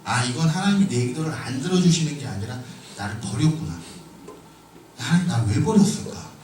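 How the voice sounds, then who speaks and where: A man preaching a sermon with personal testimony, moving from quiet storytelling to shouted emphasis. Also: a little high, expressive, a little fast, a little hiss or hum. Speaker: pastor. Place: church sanctuary. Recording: echoey hall from far off.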